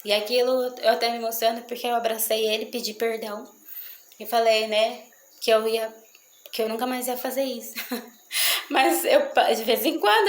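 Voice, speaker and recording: A mother speaks earnestly to an audience about raising children, repeating phrases for emphasis in a testimonial-style talk. Her voice is a little high, and the poor-quality audio has an echoey room sound.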